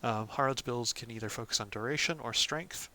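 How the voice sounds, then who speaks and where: A man hosting a casual game guide, talking through a character build in a relaxed way, with frequent "um"s and "of course"s. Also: mid-range voice, brisk. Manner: relaxed, lots of ums and "of course". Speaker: gaming channel host.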